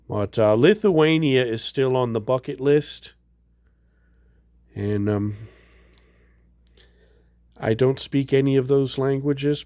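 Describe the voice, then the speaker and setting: A man with a medium-pitched, mellow voice casually shows off items in a home vlog, a show-and-tell full of rambling, filler words and restarts. The recording is dry, with clean studio sound.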